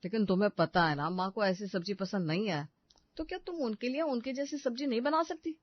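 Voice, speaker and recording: A woman voicing a young husband in an animated family story, defensive and placating between his wife and mother. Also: medium pitch, brisk, no room sound, natural voice. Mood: arguing. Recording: dry, slightly dull studio recording.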